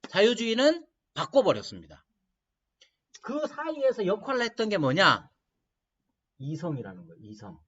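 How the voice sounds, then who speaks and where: A man's voice: sits high, fairly bright tone. A male pastor teaching a doctrine class, asking rhetorical questions and answering them, on a dull lo-fi recording. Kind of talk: church lecture.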